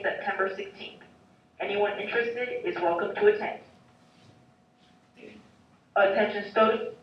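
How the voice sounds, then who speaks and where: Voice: medium pitch, lo-fi sound. Echoey distant school intercom announcer. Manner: reads lists of names and bus numbers in a steady announcing tone. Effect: school intercom loudspeaker. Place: classroom, heard through a wall speaker. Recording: echoey loudspeaker heard from far off with faint noise.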